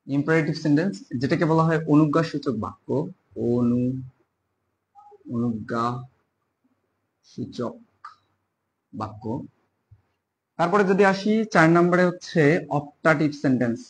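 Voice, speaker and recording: A man giving a casual spoken grammar lesson, spelling terms out letter by letter and stretching key words slowly. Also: on the high side, slight background noise. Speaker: teacher.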